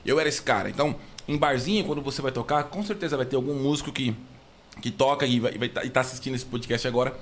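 A man's voice: mid-range voice, fast. A man hosting a podcast, chatty and joking with his guests. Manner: jokey, chatty. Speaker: podcast host and singer. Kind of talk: casual podcast chat.

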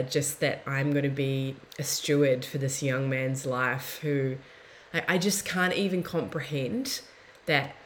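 A young woman guest talking in a heartfelt, soft-spoken way, often trailing off and restarting mid-thought. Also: extremely low pitch, slight background noise. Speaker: podcast guest. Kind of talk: reflective casual conversation.

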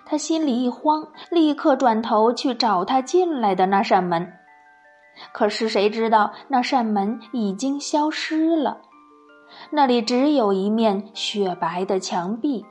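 Slow, higher-pitched woman storyteller. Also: darkish tone. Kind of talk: children's story narration.

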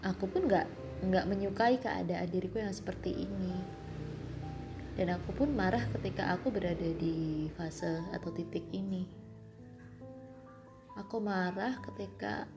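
A woman's voice: medium pitch, vocal fry. A young woman speaking a reflective, self-critical personal monologue, slipping in English phrases. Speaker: vlogger. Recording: music playing behind.

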